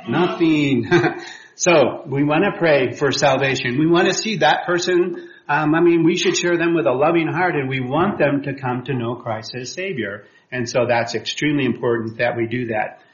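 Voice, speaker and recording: A man teaching a church class on sharing faith, talking conversationally with many fillers and quick apologies when he slips. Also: a little high. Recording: roomy, dull lo-fi room recording.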